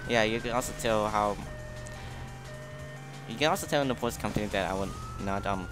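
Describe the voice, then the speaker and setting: A man giving unhurried, relaxed game commentary in a low voice, halting often and repeating words as he explains. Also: music in the background. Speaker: gaming video host. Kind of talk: recorded gameplay commentary.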